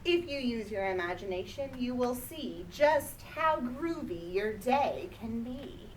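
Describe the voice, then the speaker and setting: With lively intonation and a fairly high pitch, a woman reads a children's picture book out loud, unhurried and expressive, elongating the words that matter most. The recording comes from a distant mic and carries faint background noise.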